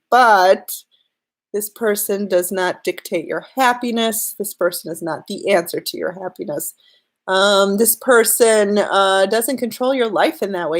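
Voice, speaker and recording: A relationship and law-of-attraction coach gives earnest, direct advice to the listener during a live stream, stressing key words for emphasis. Her mid-range voice sounds a little off because of a slight cold.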